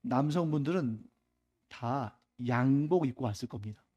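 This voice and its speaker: Warm-toned preacher asking rhetorical questions. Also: male voice, mid-range voice, animated, moderate pace, dull audio. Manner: conversational preaching with frequent rhetorical questions to the congregation. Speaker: pastor. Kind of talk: afternoon Sunday sermon. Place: church sanctuary.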